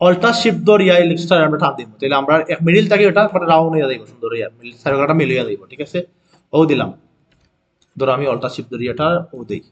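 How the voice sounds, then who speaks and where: Rapid-fire man teaching design software. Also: fairly high pitch, lo-fi sound. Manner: keeps asking students if they follow; repeats steps and self-corrects. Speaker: design instructor. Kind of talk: screen-recorded software tutorial.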